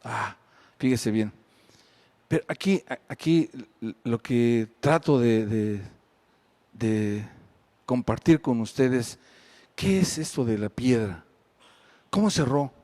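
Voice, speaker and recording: A male pastor preaching a sermon at a live-streamed church service, reading scripture aloud with rising force and then asking the congregation questions in a quieter voice. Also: mid-range voice, animated, slow, pauses often.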